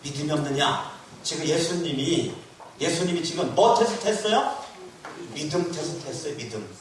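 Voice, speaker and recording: A man delivers a sermon, repeating key phrases and throwing questions at the congregation. His voice sits a little high. He sounds distant, in a strongly reverberant church hall with faint noise behind. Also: animated, normal speed. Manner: call-and-response preaching, rhetorical questions, emphatic repetition. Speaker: pastor. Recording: echoey hall recorded from a distance.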